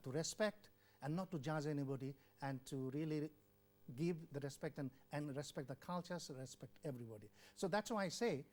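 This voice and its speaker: This is an older man from Bangladesh, a former WHO country representative and health official, earnestly sharing his life story in an interview. His voice is a little high and a little mellow. He repeats words and brings remembered dialogue to life by acting it out.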